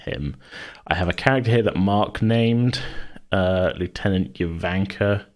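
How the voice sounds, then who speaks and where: An unhurried man with a distinctly deep voice hosts a podcast, casually wandering through thoughts about a game he runs as he thinks out loud.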